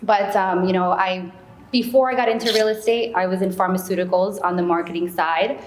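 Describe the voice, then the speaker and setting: A woman born in Peru who grew up in the United States answers questions as an interview guest, chatty and conversational with frequent small asides. Her mid-range voice is a little fast, recorded in an echoey room with faint background noise.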